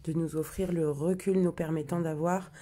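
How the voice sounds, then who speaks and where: A woman leading a live guided meditation, speaking softly and slowly and drifting into whispers at times. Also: low voice, steady tone, noisy background. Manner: soft, slow, partly whispered delivery.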